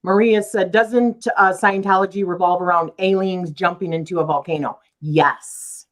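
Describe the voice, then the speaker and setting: A woman's voice: lowish voice, steady tone, normal speed. Chatty woman hosting a live chat. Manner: chatty, laughs easily, reads out viewer comments. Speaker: host of a live chat show. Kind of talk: casual group chat on a live stream.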